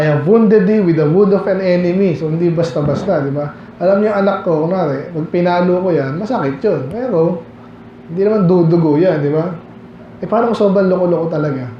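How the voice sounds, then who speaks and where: Male Filipino pastor, high-pitched voice, conversational sermon, reads old scripture, dull muffled sound. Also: echoey room, slight background noise. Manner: conversational preaching with rhetorical questions, reads King James verses aloud. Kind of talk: Baptist sermon, Bible study. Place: church hall.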